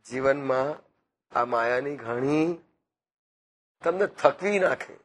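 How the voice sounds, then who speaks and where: Male spiritual speaker, husky, unhurried parable-telling sermon style. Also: mid-range voice. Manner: slow, repetitive parables with quoted dialogue. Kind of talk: devotional discourse.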